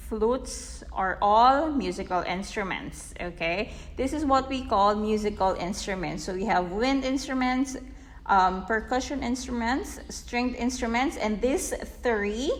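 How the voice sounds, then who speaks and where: A woman's voice: mid-range voice, long reverb tail. A woman English teacher explaining a textbook lesson in a patient, repetitive way, often checking with "okay?".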